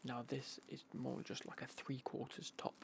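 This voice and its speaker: A British man speaks in a hushed, breathy whisper that often drops into a very gravelly, creaky murmur. He chats informally, as in an ASMR unboxing, rambling along with understated remarks. Faint noise sits behind his voice. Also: mid-range voice, monotone, moderate pace. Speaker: ASMR vlogger showing golf clothing.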